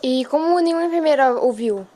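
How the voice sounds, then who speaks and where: A woman asking loud, probing questions as an interviewer. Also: high-pitched, lively intonation, brisk.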